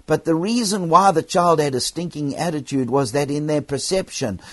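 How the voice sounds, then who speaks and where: A man's voice: fairly high pitch, moderate pace, no room sound. Man telling a sermon story, dry sound. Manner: conversational storytelling with hypothetical scenarios; occasional stammered restarts. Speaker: preacher. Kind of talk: sermon illustration.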